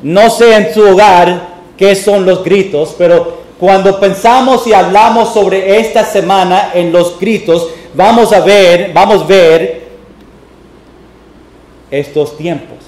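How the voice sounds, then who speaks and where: A man preaching a Sunday sermon as pastor, slow and deliberate, with homely family examples and a few English words mixed in. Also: sits high, darkish tone. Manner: mixes English words into Spanish. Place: church sanctuary. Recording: echoey church room.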